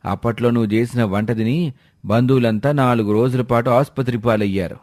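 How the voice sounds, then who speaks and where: A man voicing a good-humoured middle-aged father-in-law who speaks gently and teases his wife, in a storybook. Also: medium pitch, steady tone, fast talker, no room sound, clean studio sound, close to an everyday voice. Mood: teasing. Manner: gentle, mildly teasing. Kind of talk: storybook voice acting.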